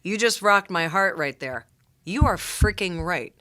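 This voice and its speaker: Bright-voiced cohost goofing around, lots of yeahs and jokes. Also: medium pitch, expressive. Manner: playful, lots of quick agreeing interjections and jokes. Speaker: podcast co-host. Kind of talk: casual podcast chat.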